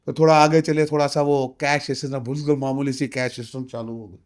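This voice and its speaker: A Kashmiri man of around sixty, a community representative, gives emphatic interview testimony, pressing his points with rhetorical questions and slipping in English phrases. His mid-range voice is darkish, a little fast, with little pitch movement.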